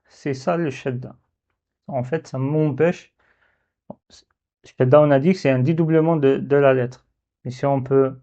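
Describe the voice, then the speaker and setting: A man teaching the Arabic alphabet step by step, slowly repeating syllables for learners to copy. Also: a little high, mellow, muffled recording. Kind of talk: step-by-step letter lesson.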